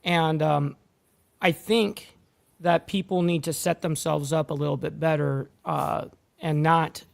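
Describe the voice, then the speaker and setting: A man's voice: a little high, steady tone, a little slow, vocal fry. A man in a podcast conversation, blunt and casual, who swears freely.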